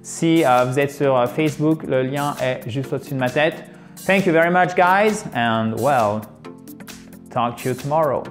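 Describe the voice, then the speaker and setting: A woman's voice: a bass voice, measured pace, faint music behind. A woman hosting a video lesson, chatting directly to her viewers with the odd filler. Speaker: English teacher and channel host.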